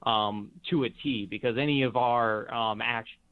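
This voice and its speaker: A man's voice: medium pitch, steady tone, moderate pace, smooth. A man from Massachusetts calling in to a live show, heard over a phone line, rambling as he thinks aloud. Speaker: caller. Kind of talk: casual call-in chat. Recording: dull phone-line audio.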